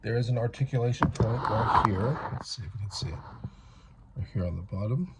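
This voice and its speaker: A man's voice: medium pitch, a little fast, very noisy. A man from North America giving a rambling, chatty hands-on toy review with self-aware asides.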